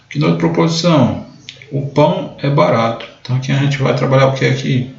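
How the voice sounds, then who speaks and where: Speaking quickly in a creaky, medium-pitched voice, a math teacher works through a logic lesson step by step in a live online class, frequently starting with "então." The audio is dull and lo-fi, with room echo.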